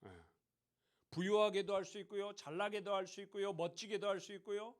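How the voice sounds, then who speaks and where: A man's voice: sits high, flat delivery, fairly quick. A man giving a sermon to teenagers in a church hall, speaking conversationally, often asking the listeners questions and acting out mocking voices. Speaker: youth pastor.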